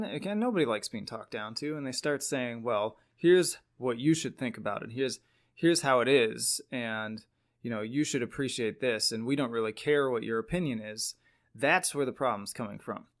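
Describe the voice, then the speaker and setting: A man's voice: mid-range voice, fairly bright tone. A man giving casual opinion commentary, explaining his views in an earnest, emphatic and opinionated way. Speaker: video commentator.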